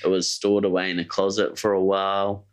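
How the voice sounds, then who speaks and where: A young New Zealander co-hosts a podcast, talking a little fast in a fairly low, rather monotone voice. It's casual chat, laid-back and meandering, sprinkled with plenty of "like" and "eh."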